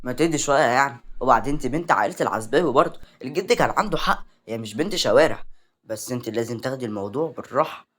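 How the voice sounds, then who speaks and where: Woman voicing a sly, calming husband. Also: a bass voice, racing. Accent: Egyptian Arabic. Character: calm advising husband, man.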